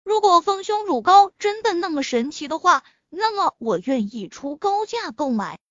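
A woman's voice: very high-pitched, sing-song, moderate pace, a bit bright, dry recording, full character voice. Woman playing a frank young businesswoman. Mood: earnest. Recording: slightly muffled lo-fi.

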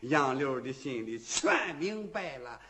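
A man's voice: medium pitch, big pitch swings, takes it slowly. A man with a Shandong accent performing a traditional rhythmic storytelling piece in rhymed, dramatic patter.

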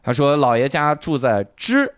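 A man casually retelling a drama's plot on a chat show, acting out the characters' lines and bursting into loud swearing at the emotional moments. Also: mid-range voice, moderate pace, dry recording, clean studio sound. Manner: animated storytelling, acts out lines with loud swearing outbursts. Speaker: podcast co-host.

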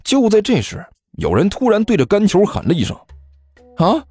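A man narrating a serialized novel with lively storytelling. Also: high voice, fairly quick, breathy edge, no room sound, faint music behind. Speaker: audiobook narrator.

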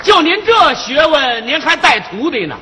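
A man's voice: very high-pitched, sing-song, moderate pace, pushed and bright, some chatter behind, a little hiss or hum. A man performing comic stage dialogue, teasing his partner and lecturing in a mock-learned tone. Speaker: crosstalk comedian.

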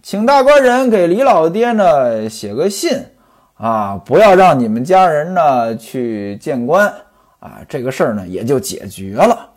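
A male storyteller voicing a smooth-talking, scheming middle-aged hanger-on who coaxes a friend with advice, in a husky, lively voice. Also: on the high side, a little slow. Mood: coaxing. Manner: coaxing, persuasive advice.

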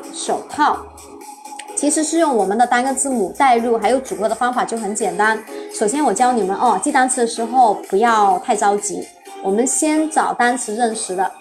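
A woman teaching English vocabulary on a live stream, spelling words letter by letter, asking her students questions and praising them often. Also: a little high.

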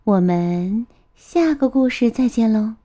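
A woman storyteller reading a picture book aloud to children, gentle and expressive. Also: fairly high pitch. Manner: gentle, expressive, drawn-out phrasing.

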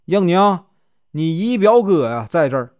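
A man's voice: high-pitched, big pitch swings, a little slow, no echo, voice pushed up. A man voicing a deaf, talkative old aunt who fusses over her guest and scolds her giggling girl. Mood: fussy, chatty. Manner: talkative, fussy, scolds loudly.

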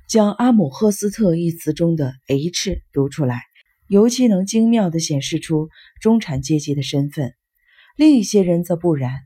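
A woman reads a nonfiction text aloud in a low, slightly breathy voice with a mellow, warm tone. She keeps a steady, measured pace, and the recording is close and dry, with no room sound. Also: no room sound. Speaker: audiobook narrator. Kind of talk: scripted nonfiction narration.

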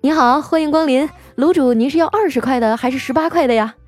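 A woman's voice: fairly high pitch, lively intonation, fairly quick, a little mellow, soft background music, voice pushed up, close to an everyday voice. A woman voicing a grinning middle-aged female shop owner who speaks chirpily and slyly.

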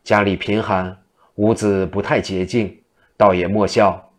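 A seductive female demon , put on by a low-voiced male narrator coaxes and pleads in a storybook tale. The voice sits low and is barely changed from the narrator's own. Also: flat delivery, a little slow, close to an everyday voice. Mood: pleading. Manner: pleading, coaxing.

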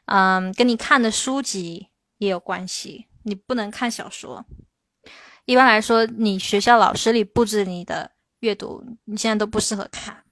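A woman English teacher answering viewers' questions in a livestream, explaining slowly and stressing her English examples. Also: mid-range voice, fairly bright tone, no room sound. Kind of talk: livestream Q&A lesson.

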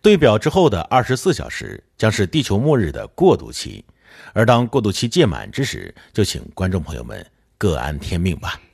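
A man playing a glib television news anchor with smooth announcer delivery, in an audio drama. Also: fairly low pitch, wildly swooping pitch, moderate pace, darkish tone, full character voice. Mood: announcing.

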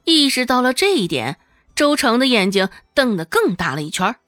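Lively woman audiobook narrator. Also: on the high side, a little fast, no room sound, clean studio sound, soft background music. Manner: lively storytelling, voicing every character. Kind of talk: scripted narration of a serialized novel.

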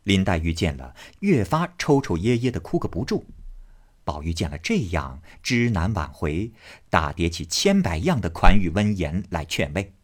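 A man narrating a classic novel in an expressive storytelling manner. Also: low-pitched.

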